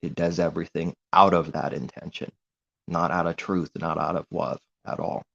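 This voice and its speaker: A man with a very deep, gravelly voice preaches informally in an earnest, rambling way. The recording is dull and muffled, with a low-fi edge. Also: steady tone, normal speed, fairly bright tone. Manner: earnest, rambling, grows heated. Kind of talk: informal religious monologue.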